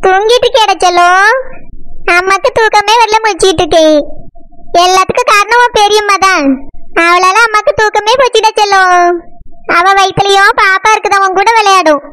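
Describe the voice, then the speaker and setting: A woman voicing a scheming, sharp-tongued middle-aged village mother in a cartoon, with a Tirunelveli Tamil accent and a scolding manner. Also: very high voice, normal speed, long pauses. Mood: tender. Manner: scolding, nagging. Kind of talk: cartoon voice acting.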